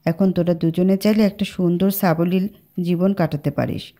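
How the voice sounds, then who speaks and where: A woman voicing a calm, caring young male friend in a spoken storybook, reasoning in a cool tone. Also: lowish voice, moderate pace, close to an everyday voice.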